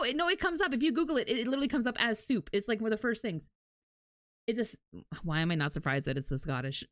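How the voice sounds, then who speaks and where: A woman livestreamer chats casually in a mid-range voice, recorded with studio quality and no echo. She's candid and swears freely, telling animated stories in a dramatic, self-deprecating way.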